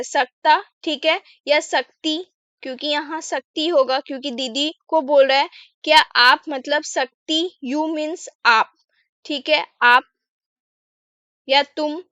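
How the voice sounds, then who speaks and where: A woman teaching English words in Hindi, explaining slowly and often checking in with the listener. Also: high voice, bright, forceful tone, no echo. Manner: repeats "ठीक है" often, slow careful explaining.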